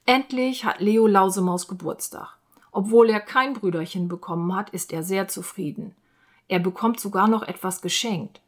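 A woman reading a children's storybook aloud in a clear, expressive, gentle way. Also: medium pitch, normal speed.

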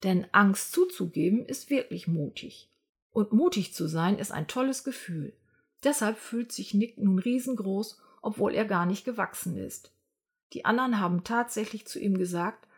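A woman narrating a children's story aloud in a lively, expressive way. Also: medium pitch, slightly rough.

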